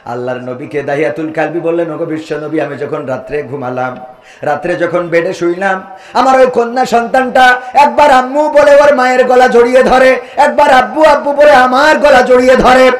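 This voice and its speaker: A man preaching a sermon and telling its story dramatically. He swings from loud, rising cries to low, hushed narration. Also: moderate pace. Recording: echoey sermon recording.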